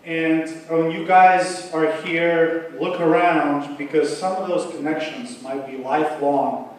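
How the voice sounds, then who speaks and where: A man's voice: a little high, fairly even intonation, slow pace, slight background noise. A man in his thirties with a Russian accent, presenting at a live awards show in a rambling, joking way full of fillers. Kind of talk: live stage speech. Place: large theater stage. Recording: echoey theater, distant mic.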